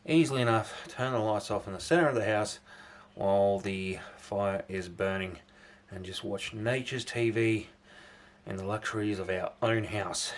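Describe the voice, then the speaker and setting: A man vlogging in a chatty, rambling way, swearing casually as he talks to his viewers. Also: on the low side. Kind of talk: casual vlog chat to camera.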